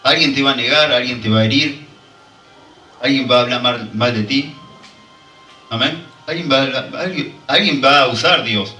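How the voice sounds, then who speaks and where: A man's voice: mid-range voice, normal speed, long pauses, pushed and bright, roomy sound, distant mic, soft background music, poor audio. A man preaching a fervent sermon and drawing call-and-response from the congregation. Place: church hall.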